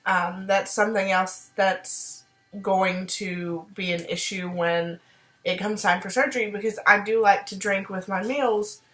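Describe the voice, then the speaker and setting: A woman chatting upbeat in a casual video diary, fighting off a cold and clearing her throat now and then, with frequent ums. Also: mid-range voice, fairly even intonation, unhurried, fairly bright tone. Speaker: video diarist. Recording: roomy echo.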